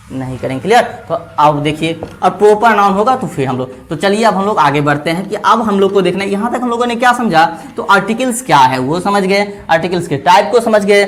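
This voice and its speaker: A man teaching an exam-prep grammar lesson, repeating each point as a question and asking his students whether it is clear. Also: high-pitched, a bit bright. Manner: checks understanding with "clear?" and "theek hai na".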